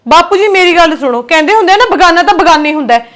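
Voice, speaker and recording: A woman's voice: very high voice, animated, very fast, fairly bright tone. A woman playing a defensive younger daughter-in-law who pleads her case to her father-in-law and snaps back at her sister-in-law.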